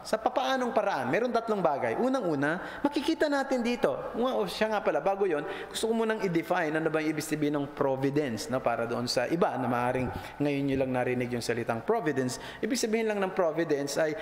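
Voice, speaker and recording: High-voiced preacher in an echoey hall. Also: male voice, expressive, quick pace. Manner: mixes Tagalog and English, rises and drops pitch for emphasis. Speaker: pastor. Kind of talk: sermon. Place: church sanctuary. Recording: echoey church hall with faint noise.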